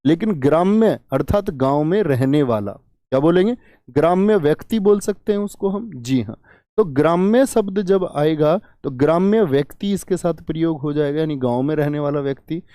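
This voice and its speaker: Man, Hindi teacher, asks and answers himself, somewhat high voice, mellow tone, dry room. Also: animated, moderate pace, dry recording. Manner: asks and answers his own questions, repeats key words. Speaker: Hindi teacher for exam prep. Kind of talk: live online class.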